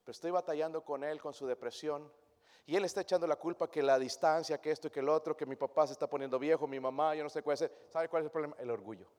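Guy preaching in church, goes soft then booms out, long hall echo, kinda high voice. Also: fast. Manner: swings from hushed intimate tones to loud emphatic preaching; addresses the congregation directly as brothers and sisters. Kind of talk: sermon.

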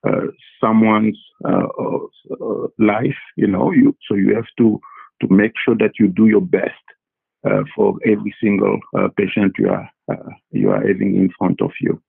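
Halting husky man on a tinny line. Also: fairly low pitch, little pitch movement. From Congo. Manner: halting, many fillers and repeated words. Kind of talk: casual interview answers.

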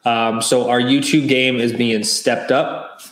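A man's voice: mid-range voice, level tone, takes it slowly, fairly bright tone. A man co-hosting a podcast, chatting casually and plugging the channel with enthusiasm. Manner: upbeat, promotional. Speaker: podcast co-host. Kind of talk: casual chat. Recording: roomy echo.

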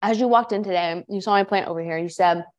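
A woman's voice: mid-range voice, fast talker, a little mellow, lo-fi sound. Chatty woman podcast host reading stories. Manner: chatty, reads listener stories aloud with asides. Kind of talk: casual podcast chat.

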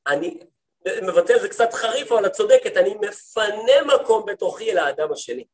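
Higher-voiced man giving a lively lecture. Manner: lively storytelling, acts out quoted speech; talks to the listeners, asks them questions. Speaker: rabbi teaching a class. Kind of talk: lecture to a women's study group.

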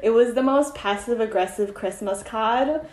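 A woman's voice: a little high, moderate pace, a little mellow. A young woman hosting a podcast, telling a story in casual chat with many "like" fillers. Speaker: podcast host. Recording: roomy echo.

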